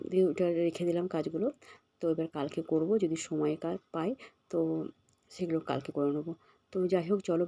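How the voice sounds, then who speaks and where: Hoarse woman chatting through her day. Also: sits low, no room sound. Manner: soft and unhurried, with many fillers. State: hoarse from a cold. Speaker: vlogger. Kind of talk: casual vlog narration. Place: home, indoors.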